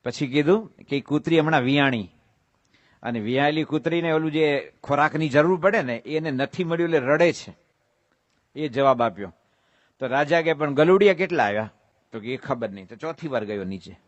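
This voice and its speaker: A man with a Gujarati accent preaches a devotional sermon, voice sitting somewhat high for a man. He tells stories and poses rhetorical questions. The sound is dry and close, with no room echo. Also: moderate pace, highs cut off. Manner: asks rhetorical questions, bursts into sung verses. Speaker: preacher giving a religious discourse.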